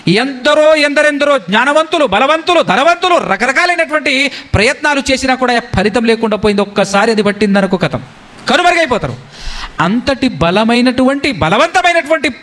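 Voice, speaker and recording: Man, very high voice, preaching a sermon, questions the congregation, repeats key phrases. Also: fairly bright tone. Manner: slows down and draws out scripture quotes.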